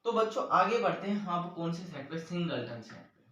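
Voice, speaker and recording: A man teaches a maths lesson and explains each step to the children, calling on them again and again. His voice sits high and swings widely in pitch. It comes from some way off the mic, in a room with a strong echo. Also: sing-song, normal speed, pushed and bright, far from the mic.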